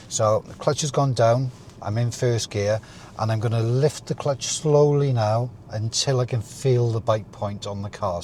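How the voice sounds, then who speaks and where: Bloke driving instructor, lowish voice, calmly talking through each step in a moving car, bit of road noise behind. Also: male voice. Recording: car interior with faint vehicle noise.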